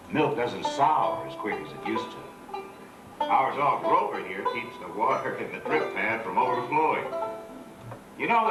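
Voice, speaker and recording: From an old home VHS tape of a theme-park show, a man with a mid-range voice plays a cheerful, proud turn-of-the-century father, folksy and boastful, as an animatronic show narrator. A camcorder in the audience taped it from afar in an echoey hall, with loud show music and a distant sound.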